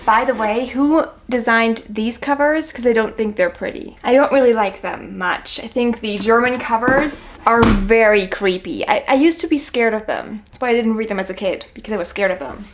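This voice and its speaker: A book vlogger hosting her own video chats casually to the camera, gushing informally about books she loves and tossing in self-deprecating asides. Her voice is fairly high, and she speaks at a moderate pace with few pauses. Background noise and clicks are clearly audible.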